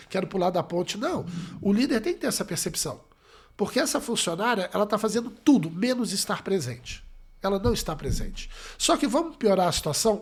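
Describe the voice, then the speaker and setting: A man from Brazil speaks in a notably high voice. He answers interview questions as a psychologist. He tells workplace anecdotes and voices each side of the conversation. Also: slightly rough. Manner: expressive storyteller, acts out quoted dialogue. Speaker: psychologist guest.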